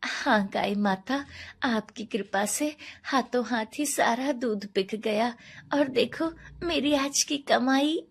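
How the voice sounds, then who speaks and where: A woman voicing a kind, devout old grandmother in a cartoon story, speaking gently. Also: a little high, slow pace, vocal fry, exaggerated voice. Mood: grateful. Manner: gentle, pleading.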